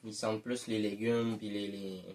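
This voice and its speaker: A man's voice: fairly low pitch, little pitch movement, normal speed, a little mellow. A man with a Québécois French accent chatting casually as he tastes snacks, munching chips while he talks. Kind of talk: casual chat, food tasting.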